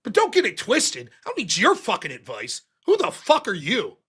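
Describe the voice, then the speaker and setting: A man's voice: high-pitched, wildly swooping pitch, normal speed, sharp tone, husky. A man streaming a heated, profanity-laced rant about a panel debate, talking indignantly and defensively. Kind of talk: heated ranting monologue.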